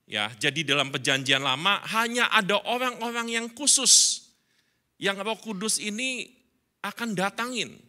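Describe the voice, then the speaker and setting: A male pastor giving a sermon, telling his story in an animated way that swings between loud and soft. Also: sits high, a little slow.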